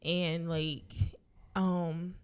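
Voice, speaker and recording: Casting: young woman, podcast co-host, lower pitch, candid and chatty, filler-heavy. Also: flat delivery, drawn-out words, smooth. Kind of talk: casual podcast chat.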